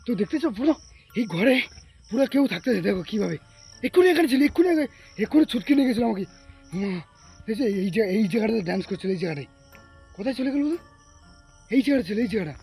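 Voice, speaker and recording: A man's voice: very high voice, animated, rapid-fire, creaky, pauses often, a little mellow, husky, faint music behind. A man filming a ghost-hunting vlog, talking to his viewers as friends with jumpy, frightened exclamations. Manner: jumpy, frightened exclamations, repeated calls of mother. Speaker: vlogger.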